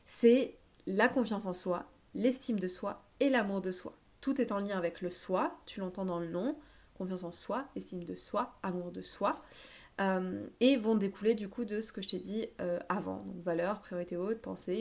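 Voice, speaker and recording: A woman's voice: mid-range voice, darkish tone. French woman coaching with casual fillers. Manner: informal, addresses the listener as tu, many filler pauses. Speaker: life coach. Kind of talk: self-help video talk to the viewer.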